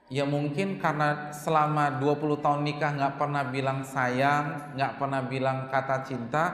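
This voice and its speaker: Animated preacher in an echoey hall. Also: male voice, a little high, moderate pace. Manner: playful, acts out wives' quotes in varied voices. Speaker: Islamic preacher. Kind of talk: lively sermon to women.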